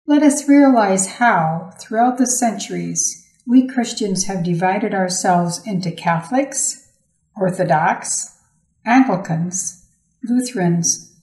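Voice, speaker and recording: A woman reading a Gospel passage and its commentary aloud in a measured, solemn way. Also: fairly low pitch, warm tone. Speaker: scripture reader. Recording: roomy echo.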